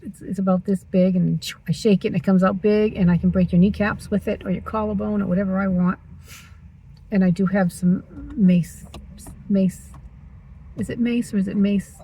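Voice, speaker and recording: A woman's voice: mid-range voice, fairly even intonation, moderate pace, mellow, husky, low-quality recording. A woman in her sixties vlogging from her parked car, chatty and teasing herself as she talks. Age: 60s. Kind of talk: casual chatty vlog.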